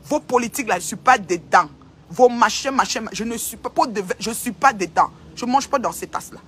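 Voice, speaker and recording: A woman's voice: fairly high pitch, a little fast, a bit bright, breathy edge. A woman, ranting in a confrontational livestream and repeating phrases for emphasis. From Cameroon. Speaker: online commentator. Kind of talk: livestream rant.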